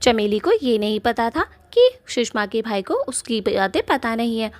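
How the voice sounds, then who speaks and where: A woman narrating a cartoon story in a plain, steady storytelling way. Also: on the high side, moderate pace.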